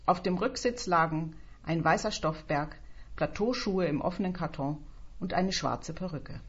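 Slow, breathy woman reading a story. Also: fairly low pitch. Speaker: narrator. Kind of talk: reading a short story aloud. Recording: dull, muffled recording.

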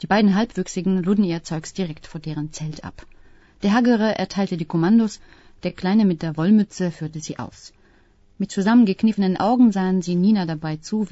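A woman reading a literary story aloud in a calm, even storytelling voice. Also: fairly low pitch, dry recording. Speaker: audiobook reader. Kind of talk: scripted literary narration. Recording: dull, dry close-mic sound.

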